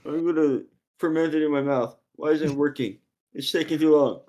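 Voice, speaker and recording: A man's voice: a little high, steady tone, moderate pace, a little mellow, lightly acted. A man doing a gurgling underwater voice. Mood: goofy. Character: man talking through a mouthful of water and bread. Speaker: tabletop game player.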